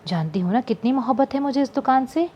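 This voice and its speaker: A woman's voice: mid-range voice, lively intonation, brisk, darkish tone, a little hiss or hum, natural voice. A woman voicing a wry teasing young shopkeeper. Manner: wry, mock-offended banter.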